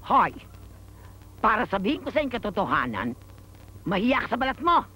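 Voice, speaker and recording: Husky, domineering scolding aunt. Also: female voice, medium pitch, very animated, fairly quick, bright, forceful tone, heavily acted. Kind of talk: broad comedy film acting.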